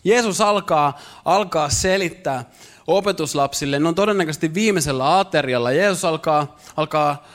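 A man's voice: a little high, fairly bright tone. A young man preaching in a playful, way, with a style casual speech, repeating words as he builds each point. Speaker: pastor. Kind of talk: conversational sermon.

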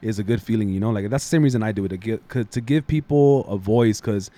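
A man's voice: lowish voice, dark tone. A young man from Southeast Los Angeles, a podcast guest chatting in a laid-back, slangy way. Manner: fast, laid-back, slangy, laughs often. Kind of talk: casual podcast chat.

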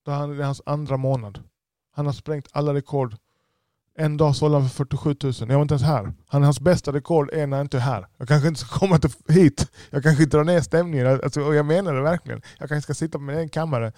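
Man with a lisp, slightly high voice, blunt and swearing, dry close sound. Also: steady tone, warm tone, no room sound. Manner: blunt, profane, emphatic. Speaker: business owner. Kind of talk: podcast monologue.

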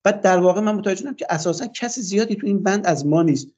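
An older man, a guest in a radio interview, gives a long, hesitant personal account, often pausing on "uh" fillers. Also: sits high, a little mellow.

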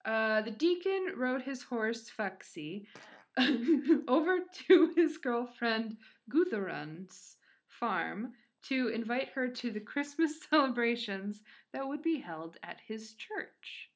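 A woman's voice: on the high side, expressive, takes it slowly. A woman with a Michigan accent co-hosting a podcast, telling a story casually with giggly, informal asides. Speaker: podcast co-host.

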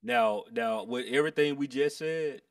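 A man's voice: on the high side, very animated, moderate pace, creaky, dry recording, clean studio sound, recorded from a distance. An American man in casual chat with friends, talking in a slangy, buddy-like way full of "bro".

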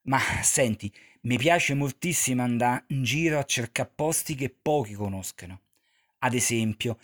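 A man from Rome with a strong Romanesco accent, telling stories conversationally as an interview guest. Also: on the low side. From Rome, Italy. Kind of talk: conversational storytelling in dialect.

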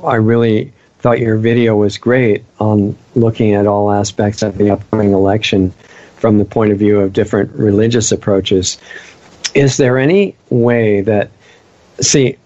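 A man's voice: lowish voice, a little mellow, no echo. A man hosting a radio talk show, agreeable and earnest as he chats with his guest. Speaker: radio host. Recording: dull lo-fi audio.

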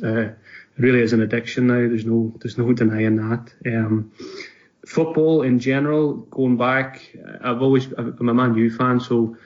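A man with a Donegal Irish accent talks casually as an interview guest. His voice moves little in pitch and sits at a middling height. The audio is slightly dull and lo-fi, like a call. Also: darkish tone. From Donegal, Ireland. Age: 30s. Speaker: podcast guest.

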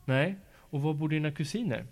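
A man working at a school, interviewing children in a casual, patient and encouraging way, asking gentle follow-up questions. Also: a little high. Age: adult. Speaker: school after-school staff interviewer. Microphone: handheld mic passed to pupils.

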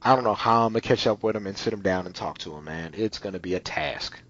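A man hosts a podcast, chatting casually in a slangy, informal style. His voice is fairly low but a bit bright, and he talks at a quick pace, with the audio sounding dull and lo-fi.

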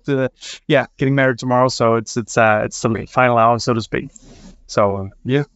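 Smooth-voiced man, relaxed and rambling. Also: medium pitch, normal speed, dry recording. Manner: relaxed, trailing off with fillers. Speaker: guest, product owner. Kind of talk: casual panel chat. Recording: slightly muffled podcast recording.

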